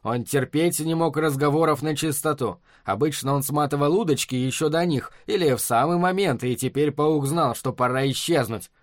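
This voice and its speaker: Casting: male audiobook narrator, fairly high voice, bone-dry close recording. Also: moderate pace, few pauses, dry recording. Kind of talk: scripted narration.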